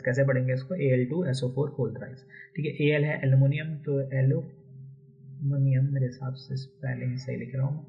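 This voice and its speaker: A man teaching a chemistry lesson, explaining step by step and repeating key terms often. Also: medium pitch. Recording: dull lo-fi recording.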